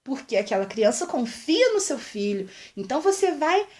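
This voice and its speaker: Young brazilian woman talking to camera, kinda high voice, earnest, keeps repeating herself and begging moms to listen. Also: sing-song, moderate pace, a little mellow. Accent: Brazilian Portuguese. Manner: earnest, repetitive, pleading directly with mothers. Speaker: vlogger. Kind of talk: heartfelt direct-to-camera talk.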